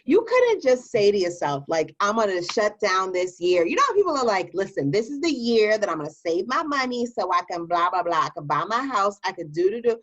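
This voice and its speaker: A tipsy woman host rambles through a casual rant, playfully mimicking how other people talk. Her mid-range voice is fairly bright and very animated, brisk with hardly any pauses. The audio is dull and lo-fi.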